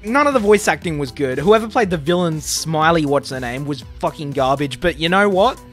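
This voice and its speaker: Young Australian man, casual ranting review, sarcastic, exasperated, swears a lot, slightly high voice. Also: expressive, fairly quick, fairly bright tone, soft background music. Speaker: movie reviewer.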